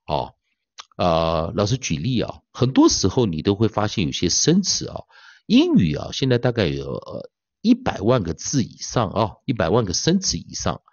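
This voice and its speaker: A male pronunciation teacher giving an online lecture, dotting his speech with drawn-out filler particles and slowly repeating demonstration words. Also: fairly low pitch, huge pitch swings, darkish tone, no room sound. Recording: dull lo-fi dry sound.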